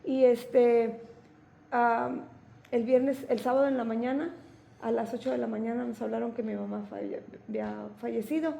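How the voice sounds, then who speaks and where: Gravelly woman giving a testimony. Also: on the high side, fairly even intonation, moderate pace, dark tone. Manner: plain storytelling, mixes in English words. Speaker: congregation member sharing testimony. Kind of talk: personal testimony. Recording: echoey room with faint ambience.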